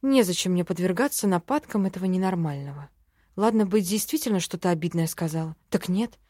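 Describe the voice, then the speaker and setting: A woman narrating a fantasy novel in first person, wry and expressive. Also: on the low side, a little fast, no echo, clean studio sound. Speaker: audiobook narrator.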